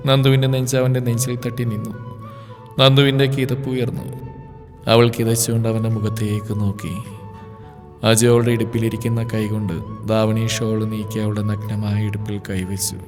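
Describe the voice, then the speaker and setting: A man reading a romance story aloud in a slow, emotive narration. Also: fairly low pitch, little pitch movement, darkish tone. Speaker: story presenter. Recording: reverb with background music.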